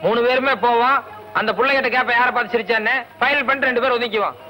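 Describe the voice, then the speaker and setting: A man's voice: fairly even intonation, rapid-fire, soft background music. A man acting in a comedy film scene, talking in a melodramatic, wailing manner. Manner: high, bright, melodramatic wailing.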